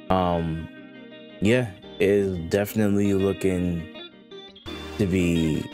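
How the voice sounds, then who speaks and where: A man casually reacting to a game trailer, excited and slangy, rambling with frequent restarts. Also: deep voice. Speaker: gaming YouTuber reacting to a trailer.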